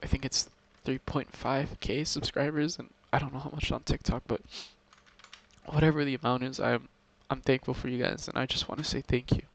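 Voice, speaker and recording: A young man in an emotional confessional vlog, talking to his subscribers in a halting way with many pauses and restarts, upset, sighing and close to tears. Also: medium pitch, steady tone, creaky. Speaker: video creator talking to subscribers.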